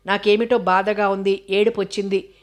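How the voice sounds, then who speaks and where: A woman's voice: mid-range voice, level tone, normal speed, lightly acted. A woman voicing a frightened ten-year-old girl who is hurt but defiant, in an audiobook reading. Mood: plaintive.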